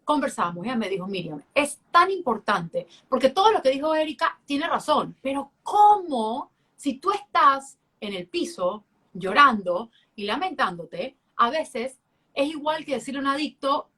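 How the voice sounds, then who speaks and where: A woman's voice: high-pitched, sing-song, normal speed, fairly bright tone. A middle-aged woman co-hosting a casual podcast, telling a personal story with emphasis and acting out what people said. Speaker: podcast co-host.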